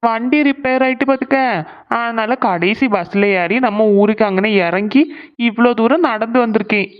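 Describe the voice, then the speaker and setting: A woman's voice: fairly high pitch, normal speed, natural voice. A woman voicing a young husband in a cartoon who apologizes to his wife for coming home late. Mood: explaining. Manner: pleading, apologetic. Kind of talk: cartoon voice acting. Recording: dull lo-fi sound.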